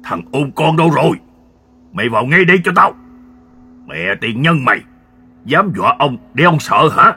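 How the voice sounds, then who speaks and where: A man's voice: mid-range voice, sing-song, moderate pace, pauses often, husky, pitched above the performer's own voice, heavily acted. Man doing a furious scolding father. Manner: loud barking scolding. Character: hot-tempered middle-aged father, scolding and harsh.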